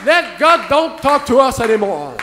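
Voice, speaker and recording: A man preaching a sermon through an interpreter, repeating phrases in a rising cadence and often shouting. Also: very high-pitched, big pitch swings, a little slow, a little hiss or hum. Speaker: visiting preacher. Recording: echoey hall.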